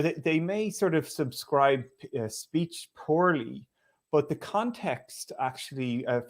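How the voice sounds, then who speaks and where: A man with an Irish accent hosting a relaxed conversation, talking in a chatty way with lots of fillers and restarts. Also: mid-range voice. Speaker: host. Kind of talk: casual conversational talk.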